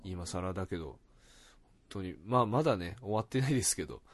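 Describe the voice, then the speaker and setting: A man co-hosts a podcast in a casual chat, his low voice moving fairly quickly over slight background noise. He talks loosely, leans on lots of fillers, and laughs often in a lively way.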